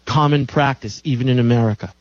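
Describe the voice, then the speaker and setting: A man's voice: medium pitch, quick pace, no echo, muffled recording. A man hosting a call-in radio show, lecturing in an emphatic way and repeating phrases for stress.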